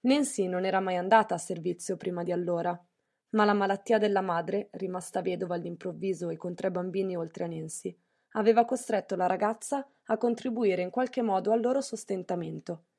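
A woman narrating an audiobook in a measured, even storytelling manner. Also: fairly low pitch. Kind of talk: scripted narration.

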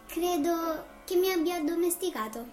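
A woman doing the Little Prince, a high soft boy. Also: moderate pace, faint music behind. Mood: earnest. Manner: curious, soft, questioning. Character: gentle young boy prince from another planet.

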